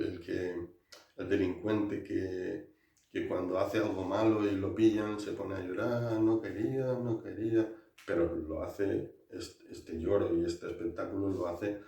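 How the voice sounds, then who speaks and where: A man's voice: low voice, dark tone. A man with a Spain Spanish accent giving an informal Bible teaching, conversational and prone to repeating and restarting words. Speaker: preacher. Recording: roomy, voice far from mic.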